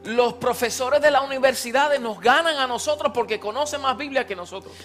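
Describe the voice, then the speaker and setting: A preacher giving a sermon in short phrases, pausing for an interpreter, with some halting restarts and emphatic peaks. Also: high voice, a bit bright, soft background music.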